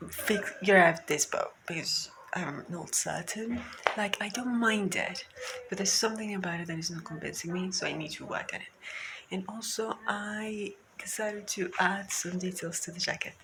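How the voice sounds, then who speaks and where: Bright-voiced woman chatting casually. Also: on the low side, a little hiss or hum. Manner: chatty, thinking aloud, with "like" and "you know". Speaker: craft vlogger. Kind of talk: casual chat.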